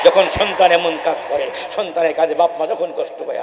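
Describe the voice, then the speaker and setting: A man preaching a sermon, chanting verses and rising into shouted, tearful appeals. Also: on the high side, a little fast, very noisy. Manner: chanting Quranic verses, then shouting and crying in emotional peaks. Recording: echoey hall with long reverb.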